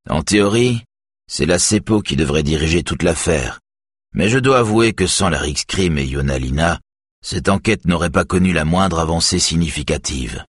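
A man voicing a strict middle-aged male police chief who speaks firmly and loudly. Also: expressive, moderate pace, husky, dry recording, studio quality. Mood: stern. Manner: strict, booming.

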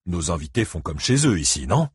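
A man's voice: low-pitched, very animated, a little fast, breathy edge, dry recording, clean studio sound, full character voice. A man voicing a terse, guarded grown man who speaks in short, curt lines.

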